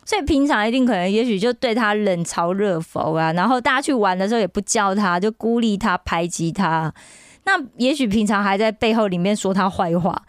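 A woman telling a Bible story for young listeners on the radio, animated and constantly asking her audience questions. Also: medium pitch, no echo, studio quality. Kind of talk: lively Bible storytelling for youth.

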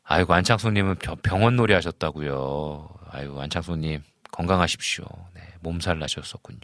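A man's voice: low voice, fairly quick, no room sound, studio quality. A man in his forties, a pastor hosting a live stream, reading out viewer comments and chatting casually with many fillers. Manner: chatty, warm greetings, frequent fillers and chuckles.

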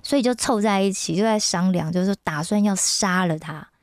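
A woman telling a Bible story for young listeners on the radio, animated and constantly asking her audience questions. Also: mid-range voice, fairly quick, dry recording, clean studio sound. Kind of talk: lively Bible storytelling for youth.

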